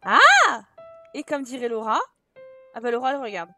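A high-pitched woman commenting on a life-sim game as she plays, chatty and expressive. She talks to the viewers in a casual, lively way. Faint game music sits underneath her voice. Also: moderate pace. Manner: chatty and expressive, full of exclamations and fillers. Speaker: gaming channel host. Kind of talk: casual let's-play commentary.

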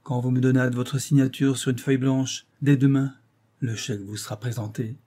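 A man's voice: medium pitch, little pitch movement, moderate pace, mellow, natural voice. A male audiobook reader voicing a scornful, cruel young actress who taunts her lover with icy mockery. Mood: mocking. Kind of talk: audiobook reading.

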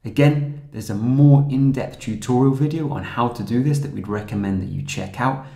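A man narrating a scripted software tutorial in a calm, steady, explanatory way. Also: medium pitch, normal speed, echoey room.

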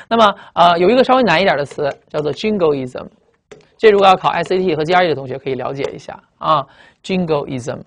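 Guy w rattling off vocab lessons super fast, keeps repeating himself and checking ok?. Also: fairly high pitch, vocal fry, a bit bright. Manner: rapid, repetitive explaining with frequent tag questions. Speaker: English vocabulary teacher. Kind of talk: fast recorded vocabulary lecture.

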